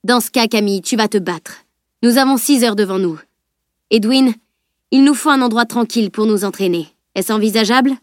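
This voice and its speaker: Woman voicing a brisk, commanding warrior woman. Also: a little high, no echo, clean studio sound, lightly acted. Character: stern woman warrior, decisive leader.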